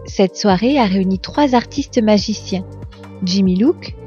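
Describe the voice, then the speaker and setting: A woman's voice: mid-range voice, a little slow, dark tone, faint music behind. A woman reading scripted voice-over narration for a local report. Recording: dull lo-fi voice-over.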